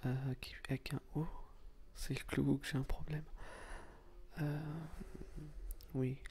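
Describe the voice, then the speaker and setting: A young man with a regional French accent in a whispered role-play as a boyfriend, gently teasing and patiently coaching his girlfriend through a game. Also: medium pitch, level tone, slow.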